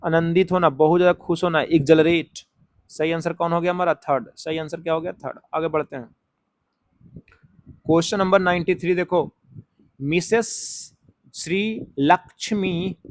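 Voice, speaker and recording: A man with a fairly high voice teaches an exam-prep grammar class. He explains each point step by step, stretches out key words slowly, and keeps asking questions he answers himself. The sound is close and dry. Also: no echo. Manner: writes on a board while talking. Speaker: English teacher.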